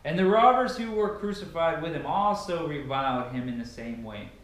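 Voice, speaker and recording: A young adult man declaims a Bible passage dramatically in a fairly high, animated voice at a moderate pace. The sound is very reverberant, picked up by a camera a few meters away in a large, sparsely furnished living room.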